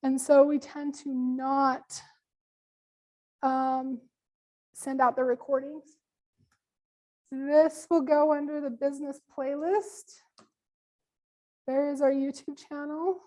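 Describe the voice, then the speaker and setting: A woman's voice: sits high, level tone, slow, long pauses, warm tone. A woman presenting a live business workshop online, chatty and loose with lots of ums, losing her voice. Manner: casual, many ums, friendly instructions.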